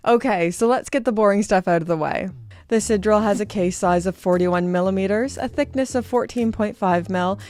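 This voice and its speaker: A woman's voice: mid-range voice, a little mellow, no echo. A young woman with a Canadian accent, hosting a casual watch review with a chatty, self-deprecating manner. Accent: Canadian English.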